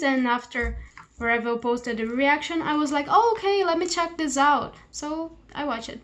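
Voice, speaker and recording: A woman's voice: high voice, a bit bright, poor audio. A young woman from Brazil with a Brazilian accent, chatting casually to camera from her old bedroom while she eats. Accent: Brazilian Portuguese. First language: Portuguese. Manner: chatty, rambling, eating while talking. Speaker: vlogger. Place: childhood bedroom at her parents' home.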